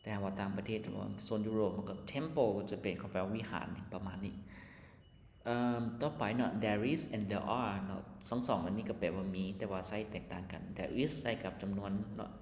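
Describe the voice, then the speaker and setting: Male English teacher, Lao accent, lowish voice, patient spelling-out delivery; roomy reverberant recording with faint room noise. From Laos. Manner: explains slowly, spells words letter by letter. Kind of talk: casual lesson walkthrough. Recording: echoey room with long reverb.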